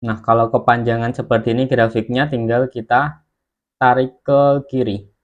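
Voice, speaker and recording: A man at an ordinary middle pitch narrates a video editing lesson from his screen. He explains at an unhurried pace, one step at a time, while he works. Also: flat delivery, narrow, tinny audio. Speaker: online course instructor.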